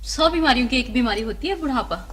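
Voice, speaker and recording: A woman's voice: high voice, expressive, quick pace, a bit bright, a little hiss or hum. An actress playing a boastful, wealthy lady guest in a TV drama. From Pakistan. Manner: showy, bragging. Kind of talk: broadcast TV drama.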